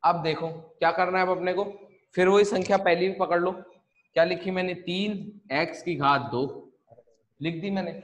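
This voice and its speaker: In an online math class, a man walks students through every step in a steady tone at normal speed, his voice a little high for a man. He repeats the key rules and keeps asking the class rhetorical questions, then answers them himself.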